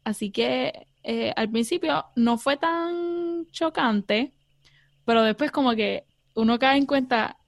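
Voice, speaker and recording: A young theology student from Puerto Rico answers interview questions earnestly, with many fillers and some English words mixed into her Puerto Rican Spanish accent. Her voice sits high, slow and creaky, recorded with clean studio sound and no room sound.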